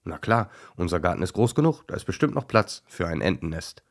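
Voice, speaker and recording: A man voicing a friendly male German shepherd dog in a children's story, calm and kind. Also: low voice, a little fast.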